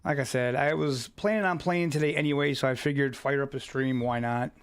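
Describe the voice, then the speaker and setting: A man's voice: medium pitch, steady tone, a little fast, clear, resonant tone. A young man casually commenting on his own live gameplay, muttering asides as he plays. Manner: laid-back, muttering asides. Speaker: streamer.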